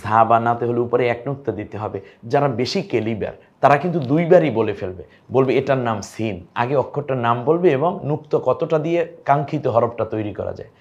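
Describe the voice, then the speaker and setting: A man's voice: medium pitch, lively intonation, brisk, a little mellow, muffled recording. Patient man teaching a recorded lesson. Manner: patient, asks and answers his own questions. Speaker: Quran teacher.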